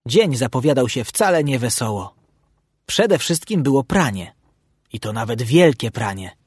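A man narrating a children's audiobook in an expressive, storytelling manner, recorded close on a studio mic. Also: medium pitch, a little slow, husky, dry recording.

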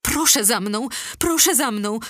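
A woman's voice: sits low, lively intonation, slow, bright, forceful tone, husky, no echo, clean studio sound, heavily acted. A woman voicing a frightened, elegant young mother who pleads and cries out in tearful, rising cries in an audiobook. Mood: panicked.

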